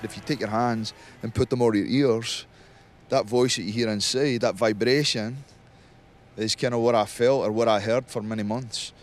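A man being interviewed, talking in a relaxed, rambling way with many fillers, recorded outdoors at a festival. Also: mid-range voice, normal speed, faint music behind. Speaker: interviewed singer. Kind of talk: casual interview.

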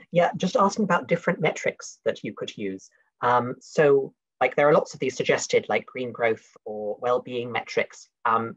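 A man's voice: medium pitch, a bit bright, breathy edge, no room sound. A young man, a postdoc, asking a hesitant question with many fillers on a video call. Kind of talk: casual question. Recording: dull, dry video call audio.

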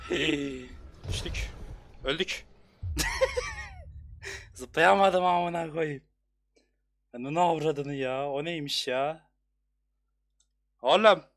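A man giving let's play commentary as a gaming streamer, cursing and yelling at enemies. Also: on the high side. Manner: swears and yells at enemies.

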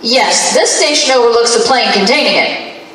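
A brisk, matter-of-fact station assistant, played by a woman, high-voiced and quick to answer. She sounds distant in a heavily echoing hall. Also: expressive, a bit bright, slight background noise. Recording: echoey hall, distant mic.

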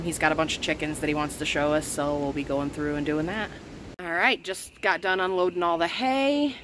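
A woman in her thirties casually narrating farm chores, explaining each step in a chatty, practical way, filmed on a handheld phone around a barn. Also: fairly low pitch. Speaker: homestead vlogger. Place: barn and farmyard outdoors. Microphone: handheld phone camera.

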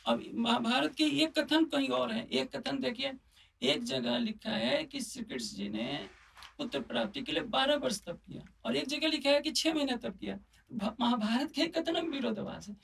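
High gravelly man on a distant mic. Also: fairly bright tone, a little hiss or hum. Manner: explanatory, scholarly. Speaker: swami panelist at a saints' conference. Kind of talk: religious discussion.

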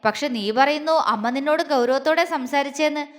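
A gentle, protective young lover, voiced by a woman narrator coaxes and teases in soft, affectionate tones. Her own high voice stays much as it is, wrapped in a long hall reverb. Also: normal speed, close to an everyday voice. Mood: tender, coaxing. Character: loving, teasing young man, gentle and protective.

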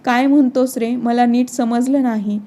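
A woman voicing a gentle, timid older housemaid in a storybook narration, read in an even way. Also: a little high, moderate pace, close to an everyday voice. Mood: sweet, confused. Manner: sweet, timid.

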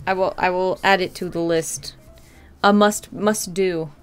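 A woman's voice: fairly low pitch, steady tone, measured pace, smooth, faint music behind. A woman chatting casually on a game live stream as a VTuber, with a cute, bubbly anime-streamer delivery. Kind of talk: casual live-stream chat while gaming.

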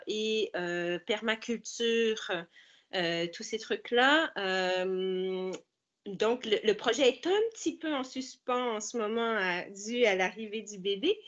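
A woman's voice: medium pitch, a bit bright. A woman from Quebec with a Québécois accent, introducing herself hesitantly in a webinar. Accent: Québécois French. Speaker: webinar participant. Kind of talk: casual online meeting chat. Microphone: video call. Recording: dull lo-fi video call audio.

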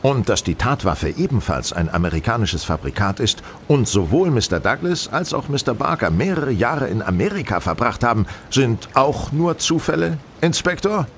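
An actor playing Sherlock Holmes, a composed detective who speaks courteously, precisely and with dry irony in a German radio play. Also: male voice, mid-range voice, big pitch swings, moderate pace, hardly any pauses, a little hiss or hum. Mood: intrigued, ironic. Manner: courteous, precise, dryly ironic.

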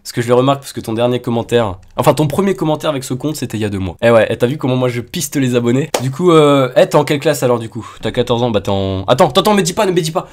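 A man hosting a casual call with his fans, excitable and teasing, joking and then taking it back, with sudden shouts. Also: mid-range voice, very fast, hardly any pauses. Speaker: YouTuber host calling subscribers. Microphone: computer mic on a voice call.

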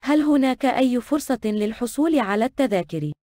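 A woman reading short translated travel phrases in a brisk, plain delivery. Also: a little high, lively intonation, dark tone, dry recording, studio quality.

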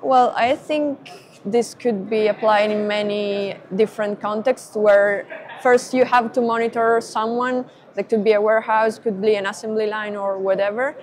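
A woman's voice: medium pitch, darkish tone. A young woman, a perception engineer explaining her work step by step at a trade-fair booth, recorded on a lapel mic. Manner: methodical, explains step by step with fillers.

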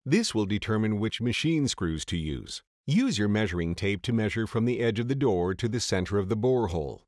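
A man reading a scripted voice-over for a step-by-step installation tutorial, in a steady, measured way. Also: fairly low pitch, no echo, clean studio sound. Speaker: tutorial narrator.

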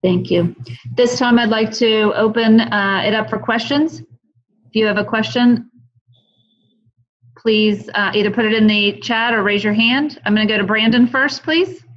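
A woman runs the question queue at a press conference, brisk and polite. Her voice sits at an ordinary pitch. The audio is slightly dull. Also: fairly even intonation. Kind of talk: moderating questions.

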